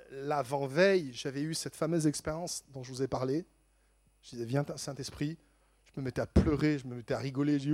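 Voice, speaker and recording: A man telling a lively faith testimony in an animated way, laughing often and stammering into quick repeats. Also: a little high, no echo, clean studio sound.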